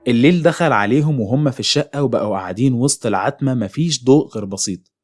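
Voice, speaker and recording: A man with an Egyptian Arabic accent tells a horror story at a brisk clip. His voice sits at a middle pitch, and his delivery stays suspenseful. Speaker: narrator.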